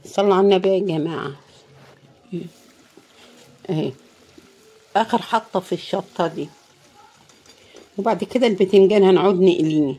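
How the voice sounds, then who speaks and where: Weary and casual, a cooking vlogger with an Egyptian Arabic accent walks through her dish in a hoarse, worn-out voice, fairly low in pitch and dark in tone, often quietly thanking God.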